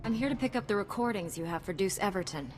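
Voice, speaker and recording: A woman's voice: mid-range voice, animated, quick pace, a little mellow, a little hiss or hum, lightly acted. A woman playing a resolute, principled knight in a video game, formal and composed. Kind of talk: scripted video game dialogue.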